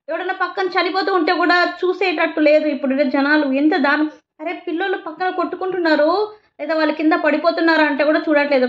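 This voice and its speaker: A woman talking in a passionate monologue about parenting, scolding her listeners and firing off rhetorical questions. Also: high-pitched. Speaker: vlogger giving opinions on parenting. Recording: roomy, dull lo-fi sound.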